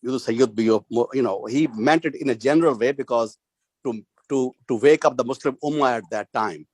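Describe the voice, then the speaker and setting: Pakistani-accented man, rapid polite discussion delivery, repeats himself, close dry sound. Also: mid-range voice, a little mellow, breathy edge, no echo, poor audio. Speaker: study session participant. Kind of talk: earnest discussion, mixing English and Urdu.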